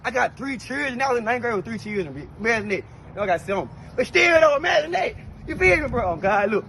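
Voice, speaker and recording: A young man with a very high voice rants boastfully through a comedy skit, swearing constantly. Loud street noise hums behind him on an outdoor recording. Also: expressive, fast talker, vocal fry. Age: 20s. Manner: loud boastful ranting, heavy profanity. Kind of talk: brash comedic skit ranting.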